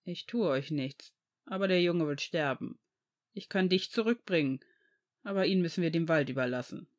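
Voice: mid-range voice, close to an everyday voice. Firenze, a reader voicing a grave young centaur. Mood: calm, grave. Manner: calm, grave, slow-spoken. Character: calm, serious young male centaur. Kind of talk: fan audiobook reading.

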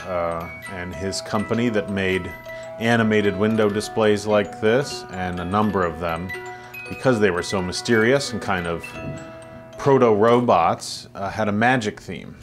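Low-voiced man giving a guided tour. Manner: measured, descriptive, occasional hesitations. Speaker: tour guide of a magic collection. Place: indoor private museum rooms.

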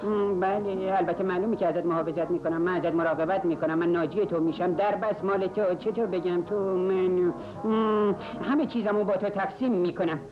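A man's voice: sits high, fairly even intonation, natural voice. A man dubbing a boastful, flirtatious office clerk who brags about being a pilot, in a jovial, teasing way. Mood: doting. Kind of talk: Persian film dubbing. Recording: dull dubbed film audio with music behind.

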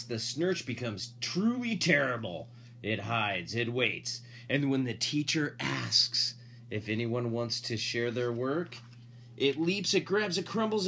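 Reading a picture book with lots of animation, this father uses a mid-range, slightly bright voice. He lingers on key words and drops in casual, playful remarks to whoever's listening.

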